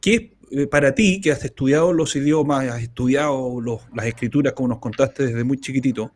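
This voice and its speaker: A man's voice: mid-range voice, a little fast, darkish tone. A man, interviewing a guest casually, chiming in with short agreements and asking probing questions. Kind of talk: conversational interview.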